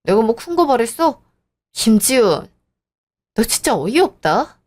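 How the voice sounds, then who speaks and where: Sharp-tongued woman, fairly high voice. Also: sing-song, measured pace. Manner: sharp and indignant. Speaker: narrator and wife. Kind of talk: scripted radio drama narration.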